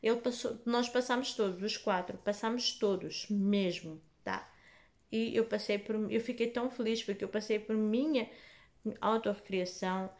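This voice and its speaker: Animated Portuguese woman telling a story. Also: moderate pace. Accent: European Portuguese. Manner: animated, acts out dialogue in lowered voices. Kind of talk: casual storytelling testimony.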